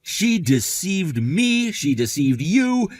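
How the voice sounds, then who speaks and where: A man's voice: high-pitched, sing-song, slow pace, dry recording, full character voice. A laid-back young guy who speaks casually and with slang, his voice rising and falling freely, as a man acts him out. The sound is dry and close, with no room around it. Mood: scheming.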